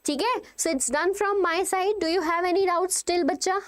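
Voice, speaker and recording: A woman's voice: very high voice, fast talker. A woman with a North Indian accent teaching a live online revision class, emphatic and instructive, repeating key points to her students. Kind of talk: live exam revision lesson, addressing students directly.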